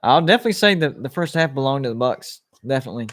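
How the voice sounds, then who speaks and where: A man in his late thirties rambles through his thoughts while hosting a live sports watch party stream and chatting casually with viewers. He's animated and rapid-fire, with a medium pitch and a slightly bright tone. Restarts are frequent, as are "like" and "you know."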